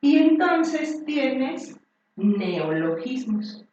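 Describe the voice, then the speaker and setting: Slow, echoey woman lecturing. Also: high voice, big pitch swings, darkish tone. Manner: slow and deliberate, with many fillers and restarts. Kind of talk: university lecture. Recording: very echoey room, distant and dull.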